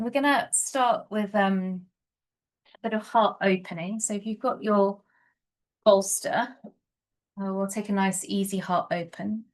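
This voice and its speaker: A middle-aged woman guides a restorative yoga and meditation session. Her voice sits low and stays fairly level, with little rise and fall. She talks slowly and gently, leaving soft pauses between instructions. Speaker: yoga teacher.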